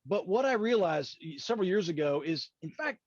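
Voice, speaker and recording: A man's voice: high-pitched, expressive, brisk, dry recording. A man from West Virginia with an Appalachian accent, hosting a conversational interview in a rambling, folksy, self-correcting way. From West Virginia, USA. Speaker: podcast host. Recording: dull, muffled lo-fi audio.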